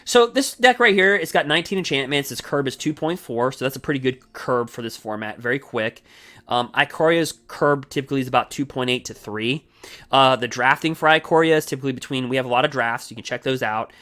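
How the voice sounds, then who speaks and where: A man hosting his own card game channel, talking fast and energetically in a rambling, casual way with many asides. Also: medium pitch, sharp tone. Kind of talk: casual solo gameplay commentary. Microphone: desk microphone.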